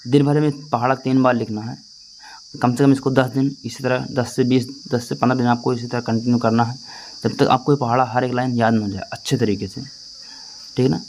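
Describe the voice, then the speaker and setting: A man's voice: medium pitch, fairly even intonation, a little fast, a little mellow, a little hiss or hum, rough recording. A man with a mid-range voice teaches maths in a patient, repetitive way. He chants the times tables in a sing-song rhythm and keeps checking in with the children. Crickets chirp faintly behind him. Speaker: math teacher. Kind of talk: classroom-style tutorial.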